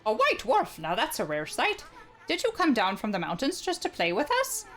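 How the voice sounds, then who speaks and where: A woman's voice: a little high, wildly swooping pitch, normal speed, soft background music. A woman voicing a cheerful, fussy old village woman in a put-on Irish accent while reading game dialogue. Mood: fussing, delighted. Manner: sing-song, fretting and delighted.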